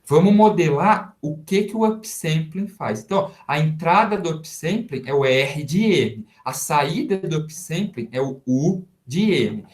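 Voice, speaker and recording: A university professor with a Brazilian Portuguese accent gives a recorded math lecture, slowly working through each step and posing rhetorical questions to his students. His voice is fairly high and animated, and the sound is roomy and echoey.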